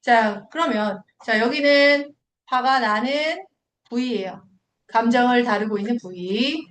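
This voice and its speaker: A young woman teaching an English class who keeps quizzing her students with quick questions as she explains. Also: fairly high pitch, fairly bright tone, a little hiss or hum. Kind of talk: classroom lecture. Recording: roomy echoing classroom.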